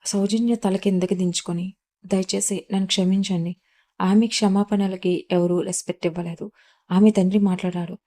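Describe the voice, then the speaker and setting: A woman narrating an audio story in a steady, even reading. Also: mid-range voice, moderate pace.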